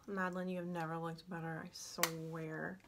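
In a low voice with little pitch movement, a young beauty vlogger speaks unhurriedly over some background noise. Sore and drowsy after wisdom tooth removal, she talks scattered through a casual makeup tutorial with her mouth barely opening, recorded at home on a phone propped about arm's length away.

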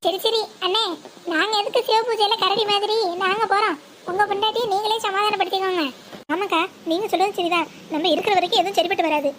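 A woman performing a rural family drama, switching rapidly between several characters with emotional dialogue. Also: very high-pitched, fairly even intonation. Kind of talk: village family drama, voicing many roles. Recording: faint background noise.

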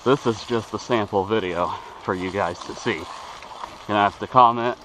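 A young vlogger talks casually to his handlebar-mounted action camera while riding a bike through a wooded yard, rambling and stumbling over words. His voice is fairly low, at a moderate pace, with background noise.

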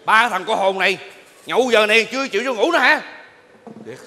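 A man's voice: sits high, animated, a little fast, pushed and bright, big-room sound, a little hiss or hum, heavily acted. An actor playing a grumpy male bar owner who scolds late-night drinkers in an exasperated way.

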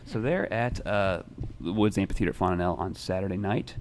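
Speaking briskly into a desk mic in the newsroom studio, this deep-voiced young host and music writer keeps the chat loose and rambling, with plenty of fillers and restarts. A little hiss or hum is audible.

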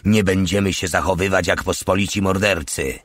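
A man's voice: low voice, steady tone, moderate pace, no echo, studio quality. A man voicing a stern, principled older male soldier who leads the squad in an audiobook, firm and commanding.

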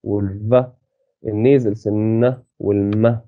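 A man with an Egyptian Arabic accent teaching a university lesson. He reads English slowly, then explains quickly in Arabic, with many hesitant restarts, and checks that his listener has understood. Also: on the low side, steady tone, dry recording. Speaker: university lecturer. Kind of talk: lecture explaining a textbook, mixing Arabic and English. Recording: dry, phone-like audio.

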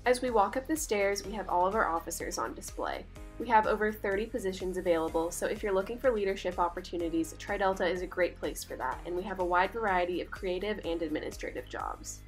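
A woman's voice: lowish voice, fast talker, few pauses, soft background music. A young woman giving scripted voice-over narration for a house tour, upbeat and informative. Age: young adult.

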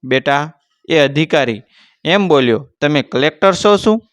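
Weary village mother, gentle and pleading; played by a male storyteller. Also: on the high side, expressive, unhurried, dry recording. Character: poor, weary village mother, woman laborer.

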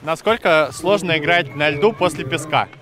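A man's voice: fairly high pitch, normal speed, a crowd in the background. A male reporter putting short interview questions outdoors at an ice rink. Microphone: handheld reporter microphone. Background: music.

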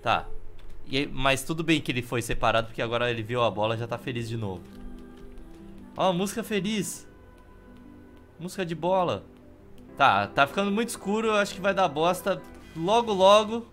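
Higher-pitched Brazilian man casually commentating a game. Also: lively intonation, brisk, long pauses, a bit bright. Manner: wry, offhand humour. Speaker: video game streamer. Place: indoor room. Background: game music.

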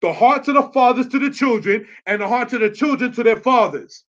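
A man's voice: very high voice, animated, a little fast, fairly bright tone, lo-fi sound. A man giving a religious teaching in a preachy, streetwise way, often checking with "you understand?".

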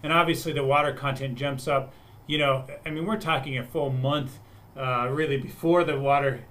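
A man's voice: medium pitch, fairly even intonation, moderate pace, a bit bright. A man on a webinar panel explaining soil moisture data, talking through it with frequent restarts and repeated words. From United States.

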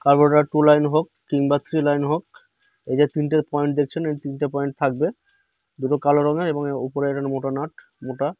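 At an indoor workbench, a repair channel host walks through a hands-on tutorial, repeating each instruction step by step. His voice is a little high and level, with little rise and fall, and the dry, slightly dull sound resembles a phone recording.

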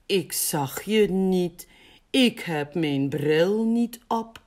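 A woman's voice: fairly low pitch, animated, very slow, darkish tone. Woman voicing storybook mole, male, friendly, near her own voice.

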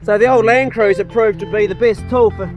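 On a rural property, a New Zealand vlogger with a broad accent films himself on a handheld phone for a casual DIY video. His voice sits high with fairly even intonation, and he talks fairly quickly in a blokey, matey style with laid-back swearing. The recording is muffled, with music in the background.

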